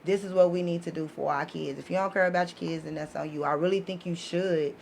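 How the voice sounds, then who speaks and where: Talking fast in a lowish, steady, creaky voice with a darkish tone, a woman appears as a podcast guest; she's the author of a children's book series. Her talk is blunt, emphatic, impassioned and slang-heavy yet conversational, and the room behind her is noisy.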